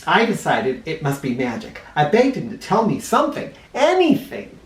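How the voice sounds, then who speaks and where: A man reading a children's picture book aloud in an expressive way, with dramatic emphasis. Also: a little high, normal speed. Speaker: storybook reader for kids. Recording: roomy echo, distant mic.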